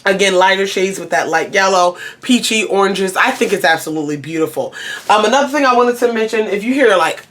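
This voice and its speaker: A woman's voice: mid-range voice, brisk, a bit bright. A woman giving a casual makeup review to camera, rambling and often doubling back to repeat herself. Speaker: beauty reviewer.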